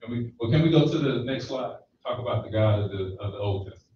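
Quick and mellow, a mid-range male voice belongs to a preacher in his thirties giving a sermon through a handheld mic in a small church hall. He preaches conversationally, frequently checking in with "right?", in an echoey, distant, slightly dull recording with slight background noise.

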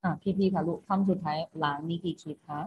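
This woman teaches online at a fast pace, her fairly low voice keeping a mostly even intonation. She's patient, saying each instruction again and closing phrases with a polite particle. The sound is muffled, with faint noise.

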